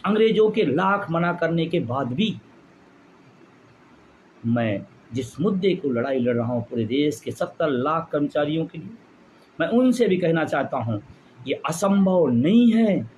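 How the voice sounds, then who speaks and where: A man's voice: fairly high pitch, lively intonation, unhurried, slight background noise. A man leading a pension movement, giving an impassioned rally speech full of repeated phrases for emphasis.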